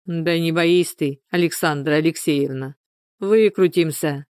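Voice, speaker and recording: A carefree young man in an audiobook, voiced by the narrator. He teases with a sarcastic, unhurried drawl. Recorded dry and close. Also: medium pitch, darkish tone, clear, resonant tone, dry recording, close to an everyday voice. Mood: teasing.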